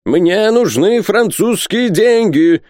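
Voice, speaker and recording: A man voicing an excitable, fussy old professor who shouts his demands. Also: fairly high pitch, normal speed, no room sound, studio quality, pitched above the performer's own voice. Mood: shouting. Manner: shouting, insistent.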